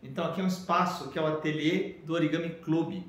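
A man speaks directly to his viewers in a casual, upbeat way, like a speaker pitching an idea. His voice sits a little high for a man. The camera mic picks up a noticeably roomy, echoey studio space. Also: quick pace, a bit bright. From Brazil. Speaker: professional speaker. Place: indoor studio room with shelves.

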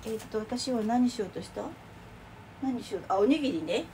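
Fairly high, brisk and mellow, this middle-aged woman's voice carries a casual chat while she prepares lunch boxes in her home kitchen. The vlogger rambles, exclaims and laughs as she goes, recorded from a distant mic with clear kitchen noise.

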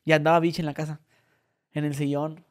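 High-pitched mexican guy telling stories, lots of slang, dry close mic. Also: fairly quick, no room sound. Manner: animated storyteller, crude slang. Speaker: podcast co-host. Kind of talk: casual chat.

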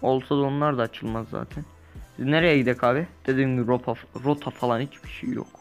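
A young man casually commenting while he plays a survival game, rambling, correcting himself and breaking into lively bursts. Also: mid-range voice, fast talker, clear, resonant tone, faint music behind. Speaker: gaming YouTuber. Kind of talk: casual let's-play commentary.

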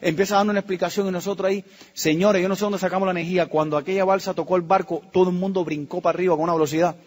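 A middle-aged Cuban man telling a personal story to an audience, acting out the quotes and dropping to a hush at tense moments. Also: sits high, steady tone, rapid-fire. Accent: Cuban Spanish. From Cuba. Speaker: speaker telling his story.

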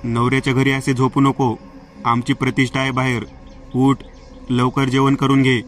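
A man reading the part of a worried mother soothing her grown daughter, calm and plain. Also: medium pitch, moderate pace, lightly acted.

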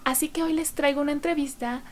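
A woman's voice: sits high, fairly even intonation, fast talker. A young woman with a Mexican accent hosting a casual vlog, chatty and curious as she asks questions. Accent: Mexican Spanish. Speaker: genealogy vlogger, interviewer. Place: large indoor exhibition hall. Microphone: camera held at arm's length. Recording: noisy crowded expo hall.

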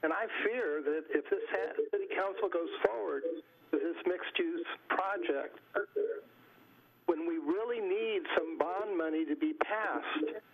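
A man's voice: high-pitched, a little slow. A man making a brief, earnest public comment to a city council, heard over a clipped phone line. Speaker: caller giving public comment.

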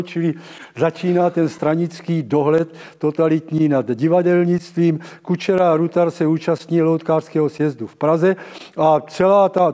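An elderly man giving a public lecture, halting and correcting himself as he addresses his listeners. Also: on the high side, dark tone. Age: 70s. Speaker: lecturer on local theatre history. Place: large dim auditorium with stage and seated audience. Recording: reverberant hall, long echo.

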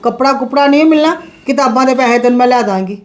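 A woman's voice: sits high, quick pace, close to an everyday voice. An actress playing a strict, frugal mother of two sons in a family drama, lecturing in an exasperated, scolding way. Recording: echoey room with faint noise.

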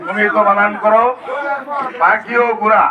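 A man plays a stern village schoolmaster with a Bengali accent in a folk stage play. His voice is high and projected, heard dully from a distance over a noisy outdoor crowd. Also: steady tone, moderate pace, narrow, tinny audio, natural voice. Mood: schoolmasterly. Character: male village schoolteacher quizzing pupils, stern. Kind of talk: loud Bengali jatra folk theatre acting.

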